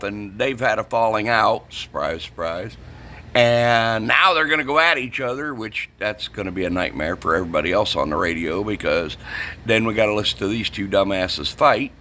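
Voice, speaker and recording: This northern US CB radio shop vlogger, a middle-aged man, goes on a casual opinionated rant about his trade, cursing and repeating things for emphasis. He talks at normal speed in a lowish voice with lively intonation and a sharp tone.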